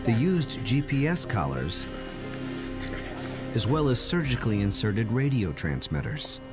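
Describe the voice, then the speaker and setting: A man's voice: medium pitch, very animated, unhurried, over loud music. A man reading scripted narration for a nature documentary.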